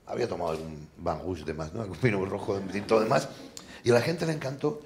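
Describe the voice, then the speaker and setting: Fast-talking, gravelly Argentine-born man. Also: lowish voice, background noise. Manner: storytelling with quoted voices, quick and rambling. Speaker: novelist and poet, panel guest. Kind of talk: casual panel anecdotes. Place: book fair panel.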